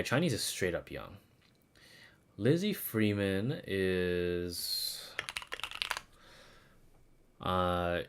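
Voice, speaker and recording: A man streaming in a casual, opinionated, sweary style with animated delivery. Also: sits low. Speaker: streamer reviewing game voice dubs.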